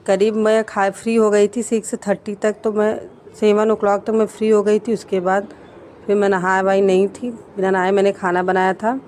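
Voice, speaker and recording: A woman in her thirties, a vlogger and mother, narrating her day in a soft, unhurried way. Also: medium pitch, flat delivery, slight background noise. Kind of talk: casual vlog narration.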